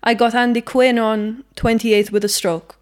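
A woman's voice: fairly high pitch, flat delivery, unhurried. A woman hosting a podcast, speaking openly and casually, with frequent "like" and "you know". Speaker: podcast host.

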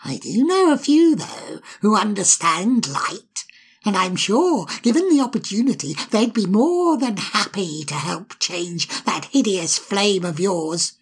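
A woman voicing a sly, spiteful male imp in a storybook, mocking and insulting in a raspy, put-on voice. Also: sing-song, a little slow, heavily acted. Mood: taunting. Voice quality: gravelly, raspy. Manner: mocking, sneering, darts between whispers and shrill taunts. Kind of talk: storybook reading.

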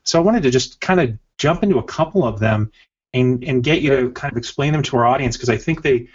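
A man's voice: mid-range voice, fairly quick, husky. A man hosting a podcast, asking a long, rambling question with many fillers and hesitations. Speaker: podcast host. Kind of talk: interview question. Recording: slightly dull podcast audio.

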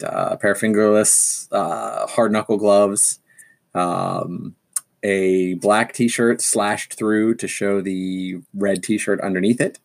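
Guy with a gravelly lowish voice rambling excitedly about his costume stuff. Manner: enthusiastic rambling storyteller. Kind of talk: casual chat.

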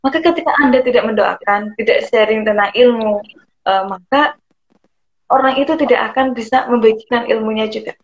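A woman who explains things conversationally and pauses often to search for words. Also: a little high. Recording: roomy, dull lo-fi sound.

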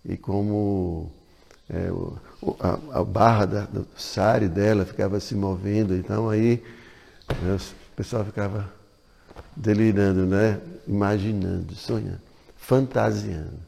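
Guy, low gravelly voice, chatty scripture class, big echoey hall. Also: fairly even intonation, measured pace, warm tone, slight background noise. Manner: chatty, frequent tag questions. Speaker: scripture teacher. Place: ecovillage temple hall. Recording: long hall reverb.

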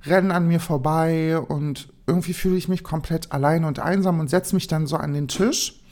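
A woman's voice: sits low, normal speed, darkish tone. A woman vlogger telling an imagined story in the first person, rambling and dreamy with lots of fillers. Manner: rambling, full of so and ähm fillers; dreamy, daydreaming tone.

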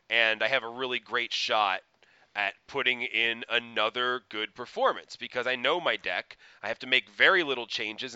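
A man's voice: medium pitch, bright, forceful tone, clear, resonant tone, dry recording, lo-fi sound. A man co-hosting a casual podcast, rambling with lots of fillers and frequent laughs. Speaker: podcast co-host.

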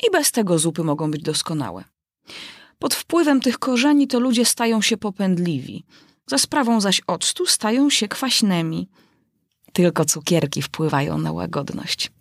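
A woman's voice: fairly low pitch, expressive, moderate pace, no room sound, clean studio sound. A woman voicing a polite, curious young girl in an audiobook, with an earnest, musing way of speaking. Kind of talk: audiobook character voice.

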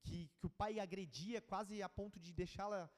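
A Brazilian man in his thirties preaching a sermon, telling stories with emotion, moving from hushed to urgent. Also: sits high, steady tone, moderate pace. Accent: Brazilian Portuguese. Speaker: pastor. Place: church hall. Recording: reverberant church hall.

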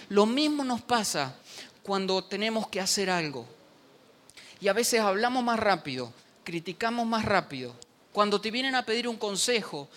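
A man preaching a sermon in a church, joking and speaking straight to the congregation. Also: sits high. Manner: animated, joking preacher addressing the congregation directly.

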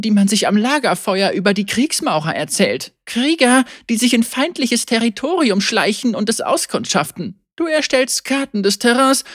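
A stern, cool-headed sheriff woman, read aloud by a female narrator speaks in a calm, mocking, coldly threatening way. Her pitch swings freely as she speaks. It is a storybook reading recorded close and dry. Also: no room sound.

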